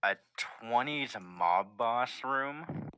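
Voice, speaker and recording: A man narrating a tabletop game casually as game master, improvising and halting as he searches for words. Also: mid-range voice, lively intonation, pushed and bright, clean tone, poor audio.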